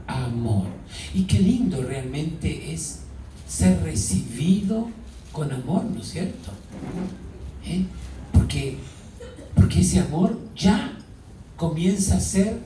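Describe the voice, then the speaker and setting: Priest, male, high voice, drawn-out emphatic preaching; caught from afar in a roomy church. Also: dark tone, slight background noise. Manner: asks the congregation questions, drawn-out emphasis. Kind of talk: sermon. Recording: echoey hall, mic far off.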